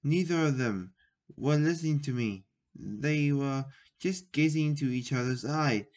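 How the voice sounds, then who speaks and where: A man's voice: mid-range voice, darkish tone. A man reading a children's book aloud, stopping often to restart words and comment on the pictures. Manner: halting, with frequent restarts and comments. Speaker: story reader.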